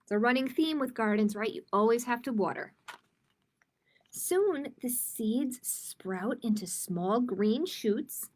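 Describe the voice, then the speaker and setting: In her role as a children's library storytime host, an adult woman reads picture books with expression to young children over a live stream, adding casual remarks to viewers. She speaks slowly in a slightly high, slightly mellow, animated voice.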